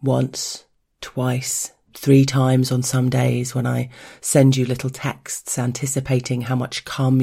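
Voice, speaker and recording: A speaker narrating intimate erotic audio in the first person, speaking deliberately and directly to one listener. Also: medium pitch, vocal fry, a little mellow, slightly rough. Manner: measured, deliberate storytelling addressed to one listener.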